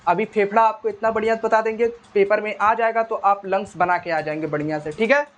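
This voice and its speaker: A man's voice: high-pitched, steady tone, fairly quick, a bit bright. A male teacher giving a classroom biology lecture in a conversational style. He keeps asking short questions, answers them himself, and repeats the key terms.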